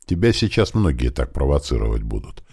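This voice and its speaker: A man's voice: rumbling low, sing-song, fairly quick, vocal fry, slightly rough, full character voice. A man voicing a bold, fierce young woman who handles pistols, reading her lines in a raised voice. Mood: matter-of-fact. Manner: sharp, threatening then tender.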